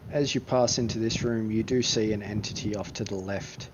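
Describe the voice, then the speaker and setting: Male game master, tabletop narration. Slightly deep, dull recording with prominent music. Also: steady tone, normal speed.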